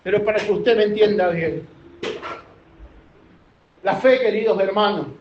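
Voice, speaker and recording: High-voiced fervent male preacher. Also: measured pace, roomy sound, highs cut off, slight background noise. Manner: fervent preaching, swings between soft low passages and shouted exhortation. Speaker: pastor. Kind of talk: impassioned sermon.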